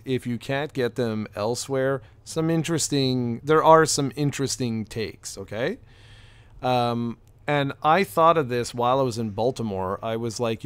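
A man co-hosting a casual gaming podcast, talking in an animated way with rambling restarts and sarcastic asides. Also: medium pitch, smooth, dry recording. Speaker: podcast co-host.

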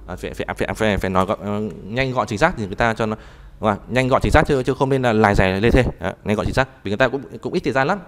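A man teaching a live online language class, talking haltingly and repeating words as he types and explains. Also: lowish voice. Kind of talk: live online tutoring session.

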